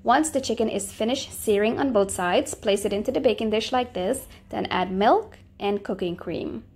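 A woman's voice: medium pitch, normal speed, darkish tone, breathy edge. A woman hosting a cooking channel, giving friendly step-by-step recipe instructions in a voice-over.

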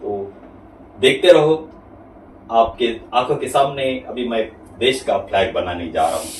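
A man's voice: on the low side, lively intonation, normal speed. A man with a Marathi accent presenting magic tricks like a kids party magician, explaining each step simply to the viewers. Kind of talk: magic trick demonstration to camera. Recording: roomy echo, distant mic, faint noise.

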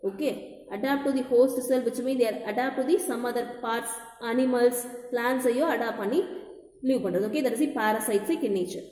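A woman's voice: on the high side, rapid-fire, a little mellow. A woman with a South Indian Tamil accent teaching a school lesson, repeating key points and answering her own questions, switching between two languages. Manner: didactic, repetitive, asks and answers own questions. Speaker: biology teacher. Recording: echoey, reverberant room.

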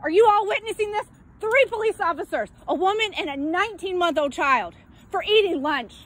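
Shrill, defiant woman yelling outdoors. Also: lively intonation, a little fast. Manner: yelling, defiant, repetitive demands. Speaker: mother confronting police. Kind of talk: heated street confrontation. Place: outdoor park.

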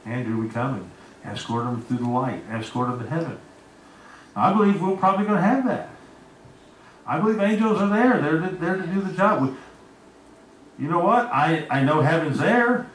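Preaching from a church sanctuary, this pastor's voice is fairly high. He spins homespun stories in a folksy way and addresses members of the congregation by name. The audio is echoey and distant, with a little background noise.

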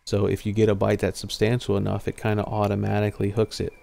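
A young man streams a fishing game over livestream headset audio, his low, mellow voice close to the mic. His speech is gravelly and flat in tone. He explains mechanics in a relaxed, rambling way, full of ums and half-finished thoughts. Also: fast talker. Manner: laid-back, explains as he plays, trails off with fillers. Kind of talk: casual live gameplay commentary.

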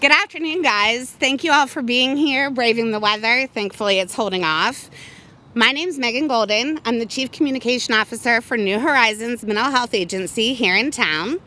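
A woman's voice: a little high, sharp tone, a little hiss or hum. A woman, a communications officer, giving an upbeat, formal ceremony speech.

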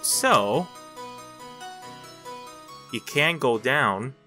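Excitable sweary man with a swooping voice. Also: medium pitch, very slow, faint music behind. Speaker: gamer commentator. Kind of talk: casual gameplay commentary.

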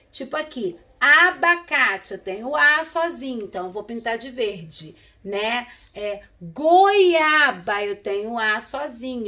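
Here a female primary school teacher with a bright voice on the high side runs an online literacy session for young children. Her pace is slow and patient as she spells out words syllable by syllable, coaxing them with repeated "tá?" and "né?".

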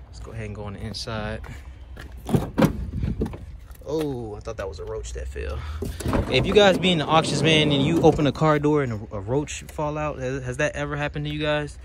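A man's voice: medium pitch, heavy background noise. A man giving a loose, chatty walkaround of cars at an outdoor auction lot, talking straight to his viewers as he climbs in and out of cars. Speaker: vlogger touring a car auction lot. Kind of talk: casual walkaround commentary.

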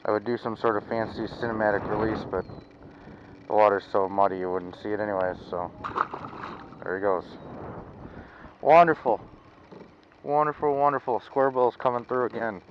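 This casual fishing vlog features a man on a small lake boat, chatting away to himself and to the action camera mounted nearby. His fairly low voice holds a moderate pace with frequent pauses, though the recording is muffled and has background noise.

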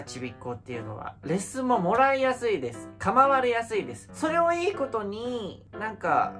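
A young man hosting his channel, ranting comically in an animated, theatrical way and breaking into high shrieks and mock wails. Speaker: idol and channel host. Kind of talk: comedic ranting monologue. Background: background music.

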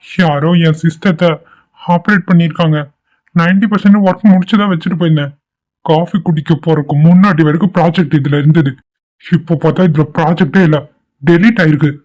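A man's voice: on the high side, brisk, a little mellow, close to an everyday voice. A man voicing a worried young office worker in a cartoon who fears his work is lost. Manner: distressed, fretful. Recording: dull lo-fi cartoon audio.

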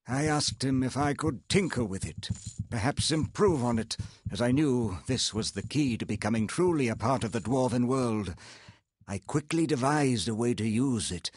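A man playing a wealthy self-made inventor in a video game, telling his story in a measured, earnest, formal way, proud and regretful. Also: mid-range voice, expressive, breathy edge, no echo. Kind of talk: reading video game dialogue aloud. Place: indoor home streaming setup, close and dry.

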